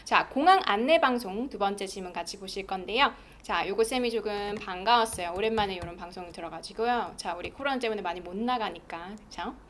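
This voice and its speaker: A young woman teaching an English speaking test in Korean, cueing each step with "자" and reading English lines slowly to drill stress. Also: medium pitch, slight background noise. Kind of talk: slide-based exam lesson.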